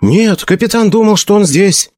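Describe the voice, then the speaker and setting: A man's voice: sits high, lively intonation, a little mellow, dry recording, studio quality, voice pushed up. A man voicing a thin young messenger reporting in a hurry. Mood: hurried. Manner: hurried reporting.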